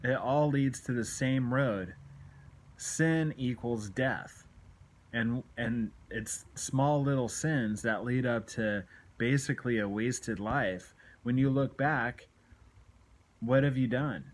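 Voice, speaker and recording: Taking his time, this late-forties self-help vlogger speaks to camera in a medium-pitched voice, earnest and confessional, pressing his message by repeating it. He's indoors in a small room at home, filming on a phone held at arm's length.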